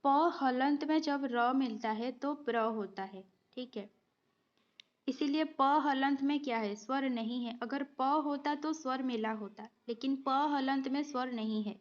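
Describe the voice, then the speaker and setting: A woman teaches grammar slowly, her voice sitting a touch high, in an exam-prep session on multiple-choice questions. Each step gets a patient explanation, and she often checks in with a short "okay." The recording is dull and slightly lo-fi.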